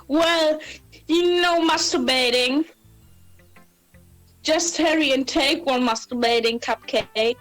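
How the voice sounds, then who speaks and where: A woman with a German accent reading a visual novel aloud as a bubbly, cheerful teenage girl, in a giggly, slow reading. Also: high voice, a bit bright, soft background music, rough recording.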